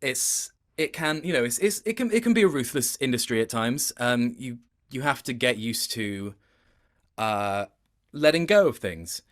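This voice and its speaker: A man being interviewed casually about his work as a voice actor speaks thoughtfully but haltingly, frequently cutting himself off. His voice is mid-range and expressive.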